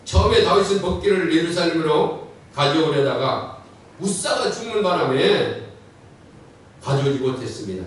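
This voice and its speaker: Animated preaching man in an echoey church. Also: a little high, normal speed, pauses often. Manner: animated preaching with dramatic quoted voices. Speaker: pastor. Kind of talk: sermon. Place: church sanctuary. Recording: echoey church hall, mic far off.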